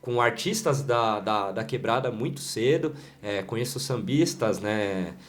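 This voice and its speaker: A man with a São Paulo accent, a guest in a casual interview, telling stories in a relaxed way with many "né" fillers. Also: lowish voice, unhurried. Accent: São Paulo Portuguese. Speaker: guest, creative director and videomaker. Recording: echoey room, distant mic, faint noise.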